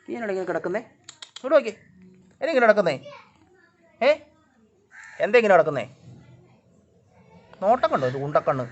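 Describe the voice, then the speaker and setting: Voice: medium pitch, big pitch swings, brisk, long pauses, a little hiss or hum. A vlogger chatting to their cats in a coaxing, teasing voice, recorded with dull lo-fi sound. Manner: coaxing, teasing sing-song talk to animals. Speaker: pet vlogger. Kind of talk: casual talk to pet cats.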